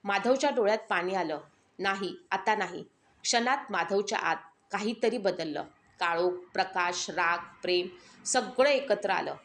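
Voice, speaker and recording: A woman telling a mythic horror story in measured, dramatic scripted narration. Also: medium pitch, a bit bright.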